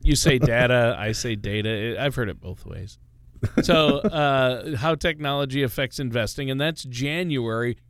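A man co-hosting a radio talk show in casual back-and-forth, tossing in quick jokes. His voice is mid-pitched and recorded dry and close. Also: dry recording. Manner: quick, joking asides.

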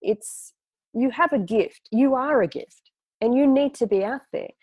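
A woman co-hosting a podcast in a casual chat, encouraging and reflective, slowing down to stress key words. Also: a little high, husky, dry recording, lo-fi sound. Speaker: podcast co-host.

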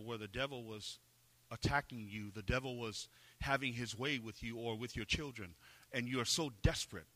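A male pastor preaching a sermon in a church, earnest, shifting between quiet reflection and louder, higher emphasis. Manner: earnest preaching, swells louder and higher when pressing a point; drops to a soft, quiet tone when reflecting. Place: church sanctuary. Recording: long reverb of a church hall.

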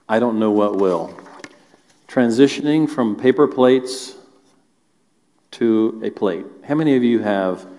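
A man's voice: on the low side, warm tone. Man hosting in a reverberant hall. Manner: friendly, joking, asks the guests questions. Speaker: host and church elder. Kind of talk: church stage interview. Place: church auditorium.

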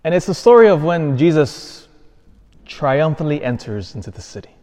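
A man preaching a sermon as a priest, earnest, rising to emphatic peaks and falling soft and quiet. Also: on the high side, very animated, normal speed. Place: large church. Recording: long church reverb.

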